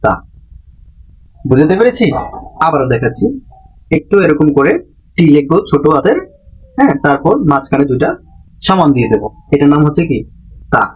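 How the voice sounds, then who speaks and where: A man's voice: fairly high pitch, slight background noise. A man teaching a class, patiently explaining each point and repeating questions back to the listener. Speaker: Japanese language teacher. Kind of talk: classroom-style lesson explanation.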